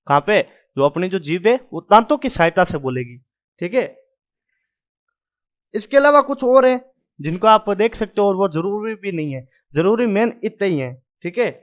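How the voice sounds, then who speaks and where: High-voiced male grammar teacher. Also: fairly bright tone. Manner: drills sounds aloud, repeats "ठीक है" often. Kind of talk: classroom lecture at a whiteboard.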